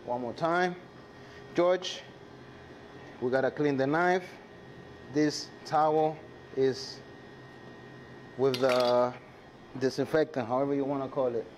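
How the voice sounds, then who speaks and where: A man's voice: medium pitch, steady tone, slow, long pauses. A man with a Dominican accent, a native Spanish speaker, chatting casually to viewers and crew as he hosts a cooking demonstration. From Dominican Republic. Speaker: chef hosting a live cooking class. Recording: clear sizzling and kitchen noise.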